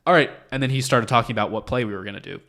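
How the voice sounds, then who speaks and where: A young man hosting a podcast, telling animated stories from his school sports days in casual conversation. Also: fairly low pitch, racing, creaky. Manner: animated storyteller, acts out quotes. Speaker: podcast host.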